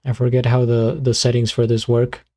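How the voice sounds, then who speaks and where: A man streaming live, chatting casually and muttering to himself as he fiddles with his streaming software. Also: mid-range voice, completely flat delivery, normal speed. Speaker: beatbox streamer.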